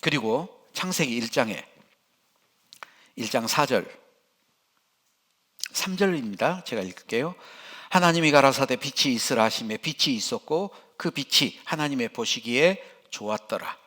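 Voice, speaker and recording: An older man, a pastor, preaching a sermon in church with animated, folksy storytelling. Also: medium pitch, normal speed, long pauses.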